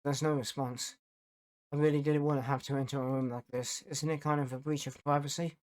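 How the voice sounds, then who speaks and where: A gaming YouTuber does let's play commentary over video game music, reading the game's text aloud. His medium-pitched voice is flat and brisk, and the casual talk is full of swearing.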